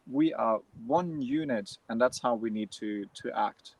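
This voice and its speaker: A man explaining an idea in a casual podcast discussion, with hesitant pauses and restarts. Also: medium pitch, huge pitch swings, creaky, no echo. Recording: dry, distant from the mic.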